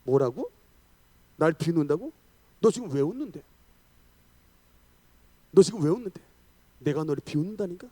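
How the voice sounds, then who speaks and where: Man doing a gloating devil, low taunting voice, threatening, swelling louder. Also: lively intonation, moderate pace, long pauses, no room sound. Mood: offended.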